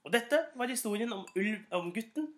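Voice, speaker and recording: A woman reading a children's fable aloud in an unhurried, gently expressive storytelling manner. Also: a little high, a little hiss or hum. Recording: echoey room.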